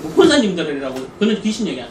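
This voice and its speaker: A male lecturer teaches a church parenting class, telling stories and acting out the people in them. His voice is high and swings widely in pitch. He is heard from some distance in an echoey hall with faint noise behind. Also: very fast. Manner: animated storytelling, acts out quoted people.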